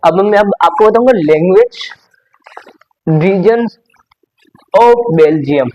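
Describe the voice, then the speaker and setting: A man's voice: high voice, expressive, very slow, darkish tone, highs cut off. A young man teaching a class lesson, explaining step by step, repeating himself and saying "okay" often.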